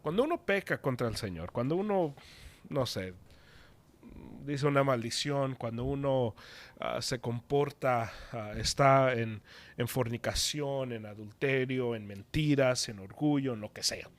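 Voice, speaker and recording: A man's voice: medium pitch, expressive, unhurried. A man preaching a sermon in an earnest, conversational way.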